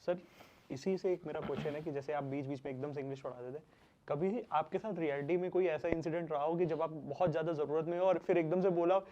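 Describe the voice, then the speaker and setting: A man asks his guest long, winding questions and addresses him politely. His voice sits slightly high. The recording sounds somewhat muffled and lo-fi. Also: fairly even intonation, quick pace. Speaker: interviewer. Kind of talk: interview questions.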